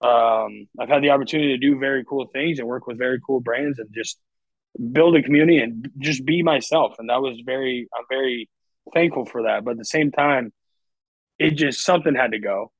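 On a laid-back podcast, a guest in his twenties talks fairly quickly in a mid-range voice, speaking openly and meandering with constant use of "like." The audio is dry, dull and lo-fi.

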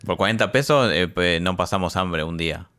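A man's voice: low voice, moderate pace, bright, forceful tone. A young man with a Rioplatense Spanish accent, co-hosting a casual, teasing chat. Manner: joking, teasing. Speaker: podcast co-host.

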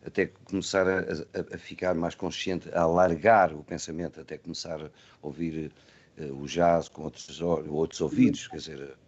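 A man in his sixties with a European Portuguese accent, a musician chatting casually in an interview, haltingly circling back over his phrases. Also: low voice, darkish tone, dull audio. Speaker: band musician being interviewed.

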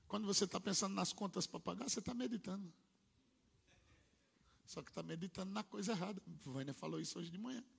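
A man preaches with a high, gravelly, husky voice that leaps around in pitch. He drops to low murmurs, then bursts into loud shouts. His words ring out with a long hall reverb behind them. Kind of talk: sermon.

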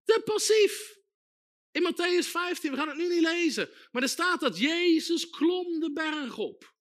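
A man preaching a sermon with emphatic repetition, building to loud exhortation. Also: very high-pitched, expressive, normal speed.

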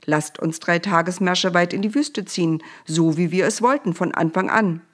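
A woman's voice: lowish voice, moderate pace, natural voice. A woman voicing Moses, a stern, solemn male prophet, in a children's Bible storybook reading.

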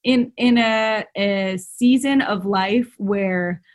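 A woman co-hosting a podcast in casual, animated chat, laughing often and throwing in quick asides. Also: medium pitch. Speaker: podcast co-host.

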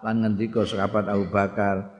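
A man's voice on the low side, flat in delivery at normal speed, with dull audio and long hall reverb. A religious teacher with a Javanese accent, he gives a conversational sermon, chanting Arabic phrases and then explaining them plainly.

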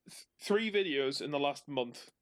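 A man with a fairly high voice and a Northumbrian accent. He co-hosts a podcast in loose, casual banter. His manner is jokey and self-deprecating, with plenty of swearing. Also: animated, a little slow, a bit bright. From Northumberland, England. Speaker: podcast co-host.

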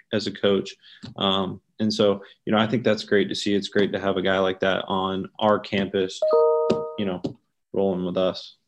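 A man co-hosting a casual sports chat, on a slightly noisy recording. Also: on the low side. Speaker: co-host, coach.

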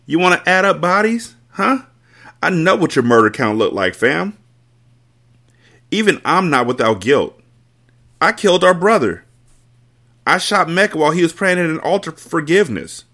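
A man voicing a furious adult male crime boss in an audiobook, shouting and commanding. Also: a little high, very animated, moderate pace, long pauses, exaggerated voice. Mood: accusing.

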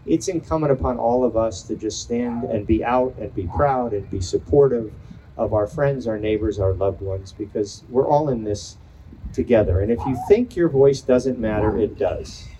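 A man's voice: mid-range voice, normal speed, warm tone, slight background noise, rough recording. An older man giving an earnest, emphatic speech at an outdoor Pride event, rousing the listeners. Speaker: speaker at a Pride rally. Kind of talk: impassioned outdoor rally speech.

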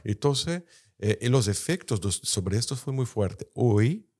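A man's voice: medium pitch, animated, slow, darkish tone. A man with a Brazilian Portuguese accent speaking Spanish mixed with Portuguese, searching for words as he gives conversational political analysis. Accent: Portuguese-influenced Spanish, Brazilian. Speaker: political commentator.

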